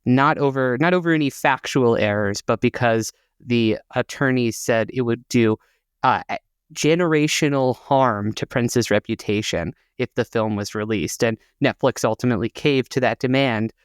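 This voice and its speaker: A man's voice: mid-range voice, moderate pace, clean tone, no room sound, studio quality. A man co-hosting a theater podcast, chatting casually and reading out show listings with frequent "uh" fillers. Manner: informative, reads out listings with many "uh" fillers. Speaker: podcast co-host.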